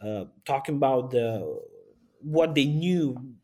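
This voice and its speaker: A man, speaking earnestly and haltingly as an interview guest, with sighs. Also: medium pitch, lively intonation, mellow. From Romania. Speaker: guest, aid volunteer and former pastor. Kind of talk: casual interview talk.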